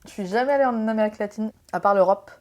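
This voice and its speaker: A woman hosting a podcast, interviewing her guest in a relaxed, curious way with follow-up questions. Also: mid-range voice, very fast. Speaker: podcast host.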